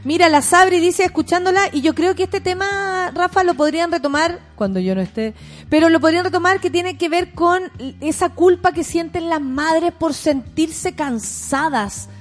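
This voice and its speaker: Chilean woman host, high voice, reflective questions, light music bed. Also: normal speed. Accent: Chilean Spanish. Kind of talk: casual chat.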